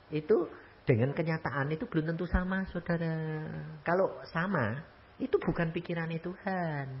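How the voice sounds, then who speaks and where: An older man preaching a sermon, telling stories, jumping from loud high exclamations to low quiet asides. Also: slight background noise. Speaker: pastor. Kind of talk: sermon with storytelling. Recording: muffled lo-fi recording.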